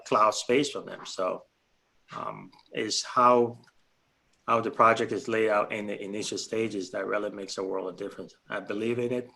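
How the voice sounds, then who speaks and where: A man from Liberia with a Liberian accent, talking on a panel in a relaxed, hesitant way with many fillers. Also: lowish voice. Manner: hesitant, many fillers, clears throat often. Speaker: panelist, stake pool operator. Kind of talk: casual panel talk.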